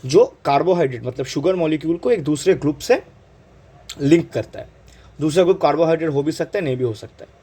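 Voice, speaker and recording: A man with an Indian accent and a slightly high, dark, breathy voice teaches chemistry in an exam-prep lecture. He mixes Hindi and English, asks "right?" constantly, and slows down to draw out key terms.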